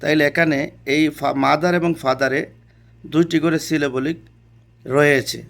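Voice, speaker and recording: A man's voice: fairly high pitch, fairly even intonation, a little slow, gravelly, a bit bright. A man teaching an English lesson, who repeats key terms and asks questions and then answers them himself. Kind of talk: classroom lesson explaining to students.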